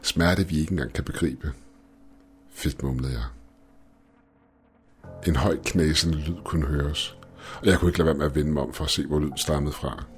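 A man narrating a first-person horror story in a steady, measured way, with faint music behind. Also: very deep voice.

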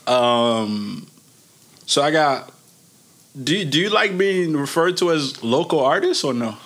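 A man's voice: fairly high pitch, expressive, slow, a bit bright. Casual, slangy male podcast host. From Niger. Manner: informal, slangy, rambling asides. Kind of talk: casual chat.

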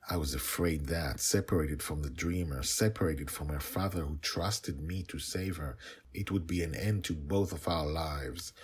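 Man narrating as a deep, husky, devoted dragon. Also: heavily acted. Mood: grave, pained. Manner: solemn, dramatic first-person storytelling. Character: Red Dragon, formidable devoted dragon narrating his tale. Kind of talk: scripted audio story narration.

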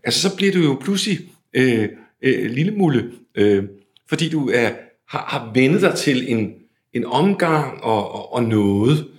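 A man's voice: medium pitch, lively intonation. A man coaching a client, talking bluntly and pushing back on her. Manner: blunt, challenging. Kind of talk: coaching conversation. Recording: roomy echo.

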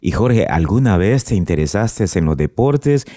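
Low, mellow-voiced man hosting a radio show. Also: big pitch swings, moderate pace, dry recording, clean studio sound. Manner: scripted, announcer-like questioning. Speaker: radio program host.

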